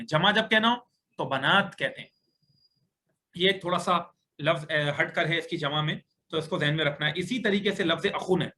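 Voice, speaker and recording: A man teaching Arabic grammar in an online class, his voice pitched high and bright. He explains patiently, step by step, while writing notes for the students. A faint hiss of noise sits under the call.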